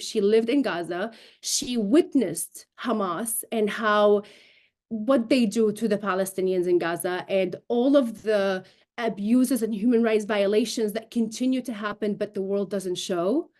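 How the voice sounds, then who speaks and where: In a mid-range voice with a darkish tone and normal speed, a woman explains things emphatically and articulately during a remote news interview. She is in her thirties, from Syria and raised in Damascus, a native Arabic speaker, and a broadcast journalist and show host speaking as a guest over a video call in an indoor room.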